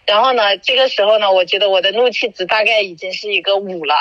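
A woman's voice: medium pitch, quick pace, no room sound, lo-fi sound. A woman hosting a podcast, recounting an argument in casual chat and acting out the quoted dialogue. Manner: animated storytelling, acts out quoted dialogue. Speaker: podcast host.

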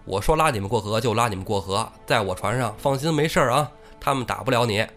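A man's voice: expressive, fast, a bit bright, soft background music. A man voicing a sly, menacing middle-aged boatman in a comic storytelling podcast, drawling and mocking. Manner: drawling, mocking, low-voiced.

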